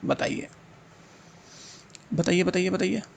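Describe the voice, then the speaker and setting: A man's voice: high-pitched, fairly even intonation, takes it slowly, creaky. A man teaching an exam-prep lesson, thinking aloud, repeating sounds and answer options and urging students to answer. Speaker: Hindi exam tutor.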